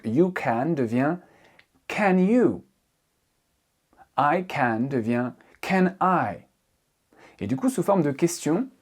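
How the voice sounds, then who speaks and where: Male video tutor: slightly husky, unhurried delivery, pitch that swings up and down as he explains. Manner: lively, expressive teaching voice with frequent fillers. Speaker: English tutor. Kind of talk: video lesson explaining grammar.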